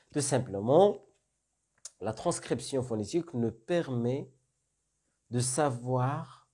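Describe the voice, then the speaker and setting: A North African man with a warm, slightly rough mid-range voice teaches French vocabulary in a classroom-style lesson. He explains slowly and step by step, repeating questions and often checking in with "d'accord?".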